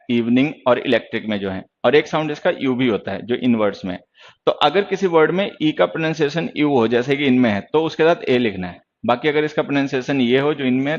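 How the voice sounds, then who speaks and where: A man's voice: fairly high pitch, lo-fi sound. A man teaching English grammar in Hindi during an online class, lecturing sternly and answering viewers' questions.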